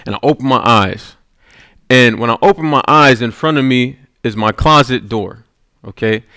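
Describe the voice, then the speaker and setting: A man's voice: medium pitch, normal speed, pushed and bright, no echo, clean studio sound. A man preaching a sermon, telling a personal story and checking in with the congregation as he goes, often with "right?". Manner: storytelling, with rising intensity and repeated "right?".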